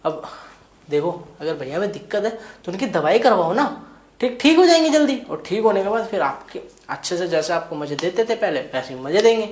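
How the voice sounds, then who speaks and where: A woman's voice: lowish voice, sing-song, fairly quick, a little mellow. A woman voicing a flustered young man, the brother-in-law, who protests and lectures in a web series scene. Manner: protesting, exclaiming, preachy. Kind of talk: Hindi web series dialogue. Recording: echoey room.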